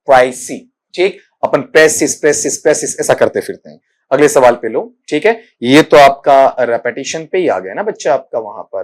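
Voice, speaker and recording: A middle-aged man teaching an exam-prep class, breaking words into their sounds one by one and often calling his students beta. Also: a little high. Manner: addresses students as beta, repeats "thik hai" often; corrects pronunciations by saying sounds slowly one by one. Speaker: English teacher.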